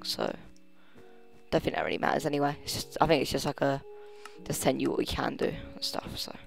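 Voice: medium pitch, big pitch swings, fairly quick, creaky, faint music behind. A gamer giving casual commentary while playing, rambling and thinking aloud, often trailing off mid-sentence. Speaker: let's play gamer.

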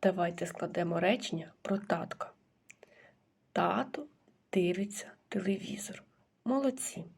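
A woman kindergarten teacher giving a recorded literacy lesson to preschoolers, slow and patient, pausing for the children's answers and often dropping into a breathy half-whisper. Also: lowish voice, darkish tone.

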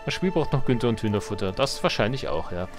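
A man's voice: fairly low pitch, sing-song, quick pace, soft background music. A man streaming a strategy game, giving casual, chatty commentary, joking and muttering to himself as he plays. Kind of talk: casual let's-play commentary.

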